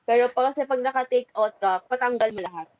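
A woman with a fairly high voice explains tips in a plain, matter-of-fact way during a casual group chat. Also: fast talker, lo-fi sound. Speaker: panelist.

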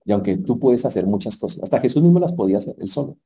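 A man preaching a sermon in a direct, humorous way, swinging from quiet asides to loud emphasis. His voice is very dark and mellow, with a husky grain. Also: medium pitch, animated, racing, low-quality recording.

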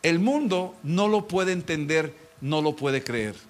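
A middle-aged pastor, preaching a dramatic sermon and acting out mocking voices. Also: male voice, a little high, expressive, takes it slowly.

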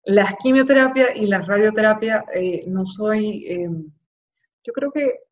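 A young woman from Zulia, Venezuela, with a Maracaibo accent, giving candid, expressive personal testimony in an interview. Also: medium pitch, measured pace. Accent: Maracaibo Venezuelan Spanish. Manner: candid and expressive, acting out quoted voices. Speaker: interviewee, journalist. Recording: slightly dull lo-fi sound.

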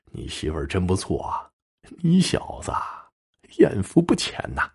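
A man voicing a lustful, cruel young male bully who talks slow, low and smug in a spoken story. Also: animated, slightly rough, heavily acted. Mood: mocking.

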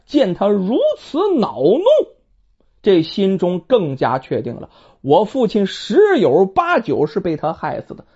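A colloquial storyteller spinning a folk tale, with asides and drawn-out exclamations. The voice is husky and swoops widely in pitch. The recording is dull and lo-fi. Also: a little mellow.

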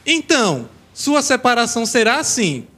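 A man voicing Joaquim, a high lively schoolboy. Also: moderate pace, heavily acted. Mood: cheerful. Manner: cheerful, helpful, explains patiently. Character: helpful young schoolboy Joaquim. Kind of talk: children's educational audio drama.

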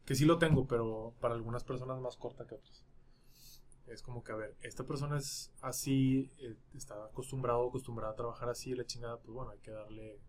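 A man's voice: mid-range voice, fairly even intonation, fairly quick, darkish tone. A man in a casual, slangy podcast chat, swearing freely.

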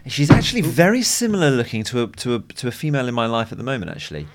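A young man chatting casually as a podcast co-host, halting and repeating words, with a dry humour. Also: medium pitch, wildly swooping pitch, very noisy. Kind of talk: casual chat.

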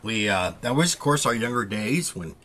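Stammering bright-voiced Midwestern man. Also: on the low side, lively intonation. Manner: halting, stammering restarts, laughs easily. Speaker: podcast co-host. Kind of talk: casual chat.

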